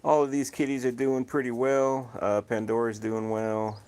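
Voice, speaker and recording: A man hosting a casual livestream with his cats, chatting easily and reading out viewers' comments in a self-described monotone voice. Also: mid-range voice, moderate pace, clear, resonant tone. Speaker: livestream host. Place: home, cats outdoors.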